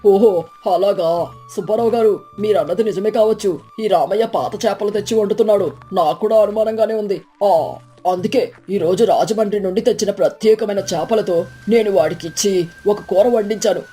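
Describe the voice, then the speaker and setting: A woman's voice: fairly low pitch, steady tone, a little fast, dark tone, soft background music, voice pushed down, lightly acted. A woman voicing a stern, grave male village elder in a storybook tale. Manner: solemn, scheming.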